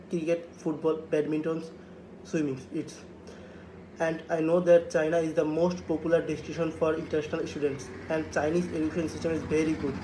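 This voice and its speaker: A man's voice: a little high, darkish tone, a little hiss or hum, poor audio. A young man from Bangladesh with a Bangladeshi accent, reciting a self-introduction as a student applicant and stumbling over words.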